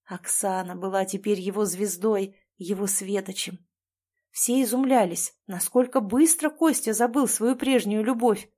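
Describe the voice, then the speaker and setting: Brief: woman narrator, mid-pitched voice, measured and steady storytelling.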